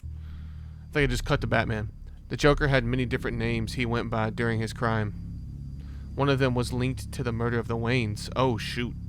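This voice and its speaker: With music and a noisy background behind him, this man reacts to what he's watching, using slang, musing aloud, exclaiming, and reading on-screen text. His medium-pitched voice keeps a fairly even intonation at a normal speed, typical of a reaction video host.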